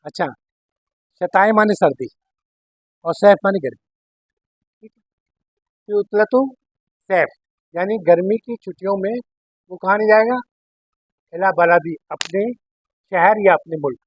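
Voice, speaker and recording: A man teaches Arabic grammar, walking through each word patiently and often pausing to check that his students understand. His voice sits fairly high and has a husky edge. The sound is dry and close, with no room echo. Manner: explains step by step, checks understanding with "theek hai na". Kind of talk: classroom lesson explaining Arabic in Urdu.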